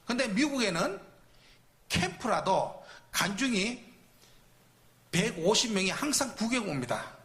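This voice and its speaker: A man preaching in a church, telling a story with loud acted-out outbursts. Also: high-pitched, a little slow, pauses often. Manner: animated storytelling with shouted reenactments. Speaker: preacher at a Friday night service. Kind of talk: storytelling sermon testimony. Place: church sanctuary.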